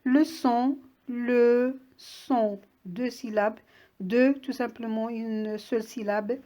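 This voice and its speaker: This primary teacher's mellow, slightly high voice keeps fairly even intonation as she slowly reads a lesson for young pupils. She lays out each word patiently in syllables, sounding like a voice-over.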